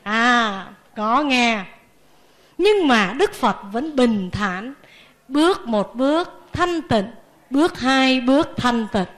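A woman, a Buddhist nun, giving a lively sermon and asking the audience questions. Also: fairly high pitch, takes it slowly.

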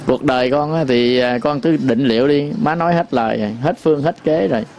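A man giving a Buddhist sermon, folksy and repetitive, sometimes chanting verse lines slowly. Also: mid-range voice, a little mellow, a little hiss or hum. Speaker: Buddhist teacher.

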